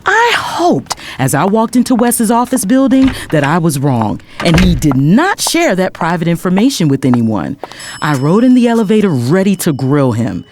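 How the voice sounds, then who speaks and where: A woman plays an indignant lawyer narrating her own story in the first person, dramatic and expressive, sounding hurt and indignant. Her voice is lowish at a moderate pace, with faint background noise.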